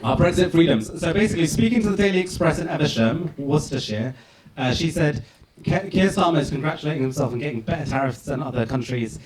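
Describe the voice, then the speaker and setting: A man's voice: a little high, animated, fast, noisy background. A man hosting a live comedy panel show, rambling and laughing in a stop-start way. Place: studio stage before a live audience. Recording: roomy live studio with audience.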